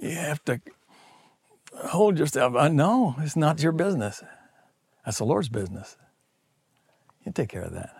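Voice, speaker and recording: A middle-aged man preaching a conversational sermon, acting out quoted voices and dropping to soft near-whispers. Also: a little high, big pitch swings, unhurried, vocal fry, long pauses, breathy edge, dry recording. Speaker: pastor.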